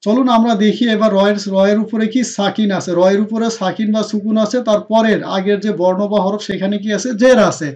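A man with a Bangladeshi Bengali accent teaching Quran reading in an online lesson, quizzing students and answering himself, and repeating the Arabic words slowly and loudly. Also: high-pitched, fairly even intonation. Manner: drills rules by asking questions and answering them himself. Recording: dull lo-fi sound.

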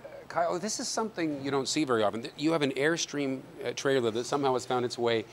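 A man in his fifties, a local news reporter, asking brisk, upbeat questions in an on-site interview. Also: mid-range voice, a little hiss or hum. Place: outdoors on a street, then inside a large bar and bowling hall. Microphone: handheld reporter mic.

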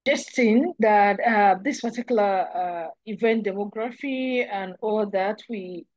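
A woman talks slowly and haltingly over a video call, pausing on fillers and restarts. Her audio keeps breaking up, so her volume drops in and out. The sound is dull and dry, with no room around it. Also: mid-range voice, no echo. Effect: choppy call audio, volume dropping in and out. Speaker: working group meeting participant. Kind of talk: online video call meeting. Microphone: computer or phone mic on a video call.

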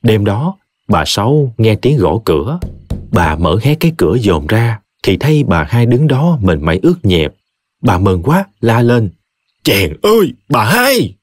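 Expressive storyteller man. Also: on the low side, normal speed. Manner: expressive, vivid. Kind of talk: scripted horror story narration.

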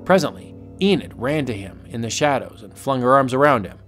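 A man's voice: mid-range voice, animated, brisk, a bit bright. A man narrating a vintage horror comic in a dramatic, suspenseful audiobook style. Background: faint music.

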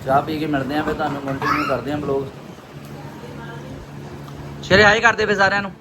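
A man's voice: fairly high pitch, fairly even intonation, fairly quick. A man with a Punjabi accent chatting casually and playfully as he films a family vlog. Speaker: vlogger and father. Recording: loud ambient and vehicle noise.

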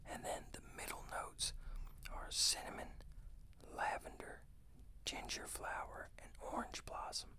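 An American man whispers close to the microphone in an ASMR style. His delivery is very slow and informal, like an unhurried product review for listeners at home. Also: sharp tone. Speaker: fragrance reviewer and ASMR host. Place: small indoor room with shelves of bottles. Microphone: close desktop condenser microphone.

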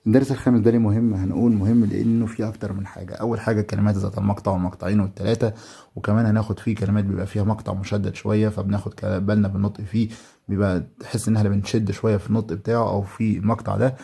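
A man with an Egyptian Arabic accent teaching primary pupils, saying each word several times, slowly, for them to repeat. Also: lowish voice, level tone, gravelly, mellow, breathy edge. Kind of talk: online lesson for primary pupils.

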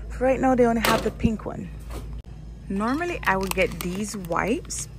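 A woman's voice: on the low side, noisy background. A woman vlogging as she shops in a store aisle, chatting casually and thinking aloud, often repeating herself, recorded on a handheld phone. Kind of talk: casual shopping vlog narration. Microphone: handheld phone camera.

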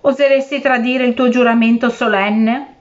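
A woman's voice: a little high, fairly even intonation, moderate pace, lo-fi sound, lightly acted. A woman voicing a desperate, clever fisherman. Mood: defiant. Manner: pleading, then shrewd and defiant.

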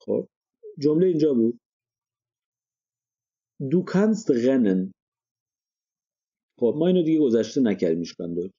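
A man's voice: mid-range voice, sing-song, warm tone, breathy edge, lo-fi sound. A male language teacher explaining grammar step by step and often stopping to check that listeners follow. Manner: checks understanding with frequent rhetorical questions. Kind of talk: explanatory lesson.

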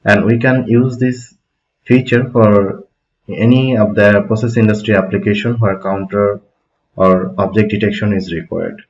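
Male tutor in his thirties, low and steady, explains hands-on lessons on a muffled home mic. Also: measured pace. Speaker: automation instructor. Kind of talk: screen-recorded technical tutorial. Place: small room at a desk. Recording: dull lo-fi home recording.

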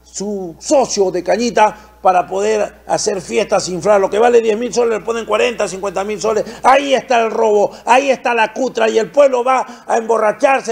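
Gravelly, indignant Peruvian TV host. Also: male voice, high voice. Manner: indignant, rhetorical questions. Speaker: TV opinion host. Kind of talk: political commentary.

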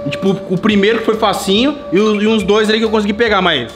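High-pitched Brazilian man in an echoey room. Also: steady tone, fast talker. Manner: informal, slangy. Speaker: challenge host. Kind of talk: casual vlog chat with friends. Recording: echoey room, music behind. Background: background music.

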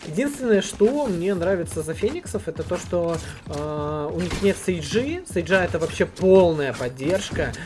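A man giving live play-by-play esports commentary, with halting phrases as he follows the action. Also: high-pitched, lively intonation. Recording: clear noise, clicks, game sounds.

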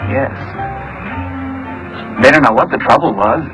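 An actor playing a young airman who speaks in a subdued, quiet way in a film drama. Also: medium pitch, unhurried, music in the background, close to an everyday voice, low-quality recording. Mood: somber. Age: young adult. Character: young airman bringing grim news, subdued.

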